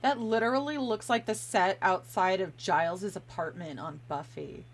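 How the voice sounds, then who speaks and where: A woman's voice: medium pitch, normal speed. A young woman hosting a casual movie-watching commentary, making sarcastic asides and giggling often. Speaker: host reacting to a film.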